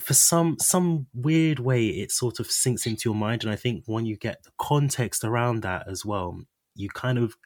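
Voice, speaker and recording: A man hosting a relaxed, conversational chat about language learning, with a lot of "like" as filler. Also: lowish voice, moderate pace, few pauses, dry recording, studio quality. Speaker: host. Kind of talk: casual chat.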